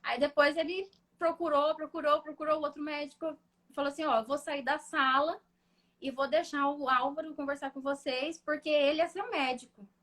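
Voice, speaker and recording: A young woman, a guest in a live chat, telling a painful personal story in a halting, emotional way. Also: high voice, steady tone, a bit bright. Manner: emotional, halting, full of fillers and restarts.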